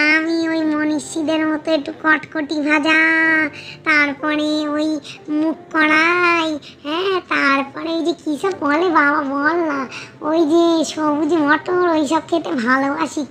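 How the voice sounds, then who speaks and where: A woman doing a whiny high-voiced ghost auntie. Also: a bit bright. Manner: whiny, bossy, bargaining. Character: fussy middle-aged female ghost with toothache. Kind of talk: cartoon voice acting.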